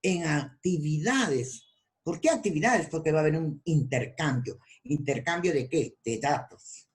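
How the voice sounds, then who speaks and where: Lively-pitched woman lecturing her students. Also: measured pace. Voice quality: self-described deep, low-toned voice. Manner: teacherly, asks and answers her own questions. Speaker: university lecturer. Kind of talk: online class lecture.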